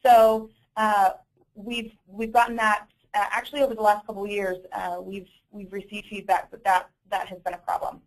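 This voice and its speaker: A woman's voice: mid-range voice, level tone, moderate pace, low-quality recording. A woman presenting a business training webinar in an informal, self-correcting way, heard over a conference call. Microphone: conference call audio.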